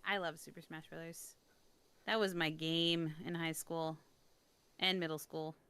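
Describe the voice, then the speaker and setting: A young woman telling a story in casual chat, self-deprecating, with frequent quick restarts. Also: low voice, flat delivery, fairly bright tone, smooth.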